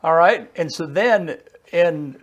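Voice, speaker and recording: A man's voice: on the high side, expressive, takes it slowly, muffled recording. A male talk show host chatting casually with his guest, laughing easily and adding his own stories. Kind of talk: casual interview chat.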